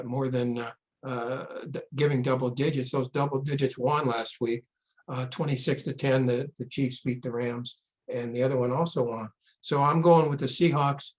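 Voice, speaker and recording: A man giving casual, off-the-cuff sports betting commentary, halting and repeating words as he goes. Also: mid-range voice.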